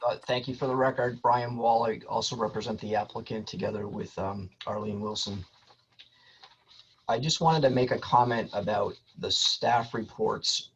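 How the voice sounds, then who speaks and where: A man, a lawyer for an applicant, speaking over a landline phone in a measured, orderly way with frequent ums, giving a formal statement to a board. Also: on the low side, vocal fry, a bit bright, slightly rough. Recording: muffled lo-fi phone line.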